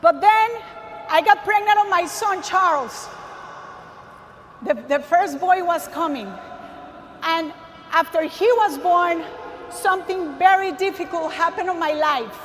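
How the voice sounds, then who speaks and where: Very high-pitched Costa Rican woman, emphatic. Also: unhurried, long pauses, fairly bright tone, slight background noise. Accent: Costa Rican Spanish. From Costa Rica. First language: Spanish. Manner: emphatic, calls out to the crowd. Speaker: speaker giving a testimony. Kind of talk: faith testimony to a large audience. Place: large arena stage. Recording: long hall reverb, faint ambience.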